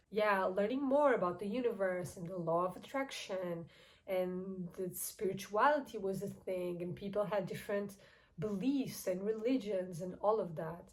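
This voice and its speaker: A woman's voice: lowish voice, low-quality recording. A young woman from Portugal with a Portuguese accent, speaking English as a second language, hosting her channel and telling a personal story in a chatty, candid way. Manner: chatty and candid, with frequent soft laughs. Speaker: YouTube channel host. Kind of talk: casual personal storytelling to camera.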